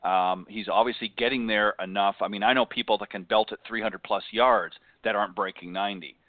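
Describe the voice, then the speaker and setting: Man co-host who rambles and backtracks, fairly low voice, dry close phone-quality audio. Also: fairly even intonation, brisk, no room sound. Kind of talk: casual chat. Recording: dry, tinny phone-like sound.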